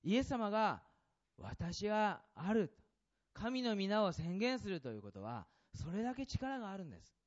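A man preaching a sermon as a pastor, asking the congregation questions and swinging between loud and soft passages. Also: high-pitched, big pitch swings, fairly quick, dull audio.

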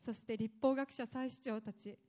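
A woman's voice: on the high side, fairly even intonation, moderate pace, warm tone, lo-fi sound. A woman preaching a sermon with impassioned delivery, building up long emphatic lists.

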